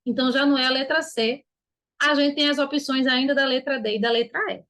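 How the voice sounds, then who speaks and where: High-voiced Brazilian woman teaching syllables. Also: fairly even intonation, a little fast, a bit bright. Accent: Brazilian Portuguese. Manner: explains step by step, syllable by syllable, checking in with students. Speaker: Portuguese teacher. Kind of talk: online exam-prep lesson.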